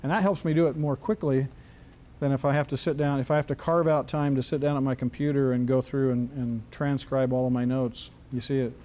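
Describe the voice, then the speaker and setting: Mellow-voiced man teaching a casual class. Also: medium pitch, steady tone, a little fast. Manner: loose, joking, many restarts. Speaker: screenwriting teacher.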